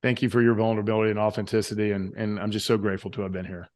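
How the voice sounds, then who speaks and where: A man's voice: on the low side, little pitch movement, racing, a little mellow. A man with a Southern US accent and drawl, talking earnestly and emphatically as a motivational interview guest, repeating phrases for effect. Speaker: guest, author and retreat leader.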